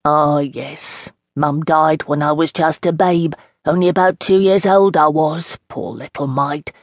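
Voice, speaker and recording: A woman's voice: low-pitched, steady tone, measured pace, no room sound. A woman reading an audiobook as a chatty woman in her seventies with an East End London accent, homely and rambling. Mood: reminiscing. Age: 70s. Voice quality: homely, rambling, dialect grammar. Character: frail chatty old East End woman, long institutionalised. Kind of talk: audiobook narration in character.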